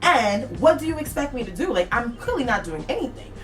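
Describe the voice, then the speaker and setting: A woman's voice: on the high side, big pitch swings, a little fast, distant mic, faint music behind. A woman voicing a weary, stubborn older male bishop who speaks in a matter-of-fact, dismissive way. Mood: defensive.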